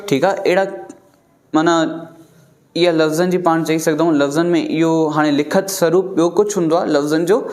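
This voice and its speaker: A man leads a recitation class at an unhurried pace. He reads sacred verse one word at a time and keeps checking that his students follow. His voice sits slightly high. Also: fairly even intonation, a little mellow. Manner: slow syllable-by-syllable recitation, repeatedly checking with students. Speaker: Gurbani pronunciation teacher.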